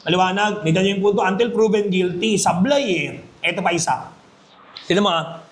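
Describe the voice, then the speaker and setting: Man, high pitch, emphatic jokey review lecturer, echoey classroom. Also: a little fast. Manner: emphatic, jokey, keeps asking "Maliwanag?". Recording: echoey room.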